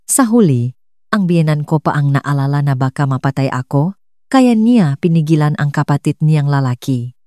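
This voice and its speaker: A woman narrates a first-person drama story at a steady storytelling pace. Her voice is a little low and has a mellow, warm tone. The recording is close and dry. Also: moderate pace, dry recording.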